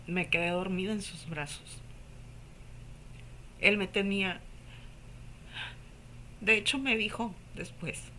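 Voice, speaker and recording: A woman telling her personal religious testimony in an emotional, hushed storytelling manner that sometimes drops to a whisper. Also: medium pitch, slow, long pauses, a little hiss or hum.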